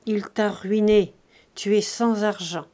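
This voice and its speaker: A woman's voice: medium pitch, fairly even intonation, slow pace, warm tone, lightly acted. A woman reading an audiobook, voicing a cold, calculating old miser who speaks bluntly and matter-of-factly. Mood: dismissive. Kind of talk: audiobook reading of a classic novel.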